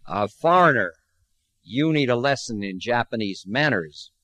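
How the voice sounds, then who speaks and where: A big drunken laborer, as a male narrator puts him on, bellowing his words loud and rough. The voice sits a little low and sounds dry, as if the mic is close. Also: animated, a little slow, dry recording. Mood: belligerent. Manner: roaring, bellowing.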